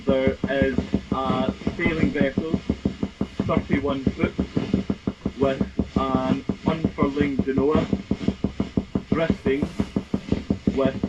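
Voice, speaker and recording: A man's voice: medium pitch, flat delivery, drawn-out words, long pauses, lo-fi sound, very noisy. A man speaking over a marine VHF radio from another vessel, using formal radio procedure to relay a distress position. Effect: marine VHF radio transmission.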